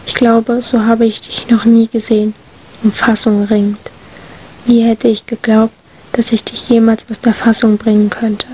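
Woman whispering a hushed role-play story. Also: on the high side, little pitch movement, normal speed. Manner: hushed, breathy, emotional first-person narration. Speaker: narrator. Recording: faint hiss.

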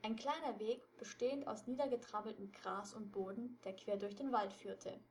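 A woman reading a detective story aloud with steady storytelling narration. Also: mid-range voice, normal speed, a little hiss or hum.

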